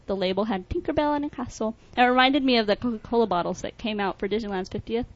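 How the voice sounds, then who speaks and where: A woman's voice: on the high side, quick pace. A woman co-hosting a podcast, chatting casually and musing aloud. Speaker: podcast co-host. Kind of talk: casual chat. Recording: dull lo-fi podcast audio.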